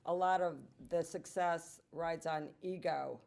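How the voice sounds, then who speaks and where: A woman's voice: sits low, fairly even intonation, unhurried, gravelly, a little mellow. A woman making a short point in a community discussion. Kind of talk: casual discussion.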